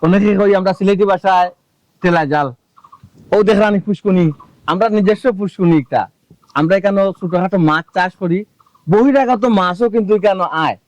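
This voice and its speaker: A man's voice: sits high, fairly quick, no echo, natural voice. An actor with a Sylheti accent playing a showy village husband who talks to his viewers like a vlogger while he eats fish. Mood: showing off. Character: boastful village husband eating raw fish for views. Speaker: husband filming a food video.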